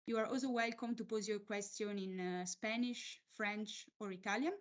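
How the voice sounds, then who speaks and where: A woman with a voice of average pitch acts as moderator of an online seminar. She is polite and measured as she manages the questions. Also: steady tone. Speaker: webinar moderator.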